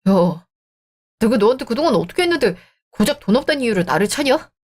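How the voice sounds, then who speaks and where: A woman's voice: a little high, very animated, fast talker, a little mellow. A woman voicing a sulky, stingy ex-fiancé man. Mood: indignant. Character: stingy self-pitying male ex-fiancé. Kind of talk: radio drama acting.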